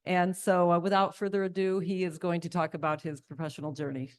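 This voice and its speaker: A woman faculty colleague giving a short, halting introduction of a speaker in a university lecture room. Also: fairly low pitch, flat delivery.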